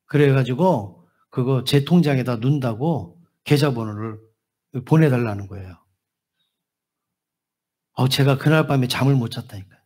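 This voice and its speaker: A man's voice: medium pitch, normal speed, pauses often, darkish tone. A male pastor preaching a Sunday sermon, repeating key phrases and asking the congregation questions. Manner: emphatic repetition and rhetorical questions to the congregation.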